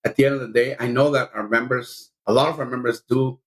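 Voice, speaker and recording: A man's voice: mid-range voice, fairly even intonation, fast, poor audio. A middle-aged man from El Salvador, a union leader speaking as a guest on a podcast with earnest conviction. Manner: earnest, impassioned about justice. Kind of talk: podcast conversation.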